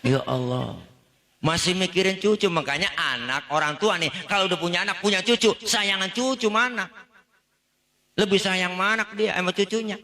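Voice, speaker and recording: A man with a Betawi accent giving a humorous sermon at a religious family gathering, telling lively stories and acting out scenes. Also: high voice, normal speed. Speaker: Islamic preacher.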